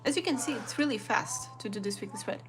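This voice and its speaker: A woman's voice: mid-range voice, fast talker, over loud music. A young woman from Portugal with a Portuguese accent, chatting casually to viewers while she draws a planner spread. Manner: chatty, relaxed, talks to viewers while drawing. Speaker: planner artist and vlogger. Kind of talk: casual live-stream chat while journaling.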